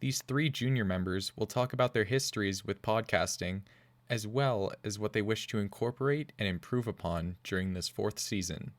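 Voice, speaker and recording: A male podcast host introducing guests and asking questions in a measured, scripted way. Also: lowish voice, no echo. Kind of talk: scripted narration and interview questions.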